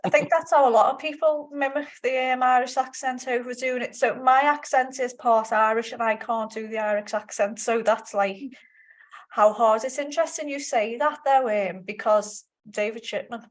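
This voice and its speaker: A woman co-hosts a casual film chat, speaking a little higher than most. She rambles and restarts her sentences as she works through her opinions. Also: fairly even intonation, moderate pace. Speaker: podcast co-host.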